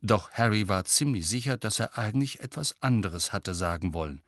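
A man reading a storybook aloud in steady narration. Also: lowish voice, moderate pace, dry recording, clean studio sound. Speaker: audiobook reader. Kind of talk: scripted narration.

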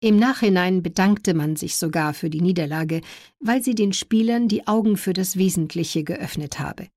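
A woman's voice: lowish voice, moderate pace, a little mellow, no room sound, studio quality. A woman reading a scripted historical narration as a documentary narrator.

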